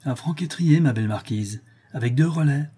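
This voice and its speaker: A man's voice: medium pitch, expressive, normal speed, mellow, slightly rough, pitched above the performer's own voice. A man reading an audiobook voices a vain, cheerful nobleman in a gallant, self-satisfied manner.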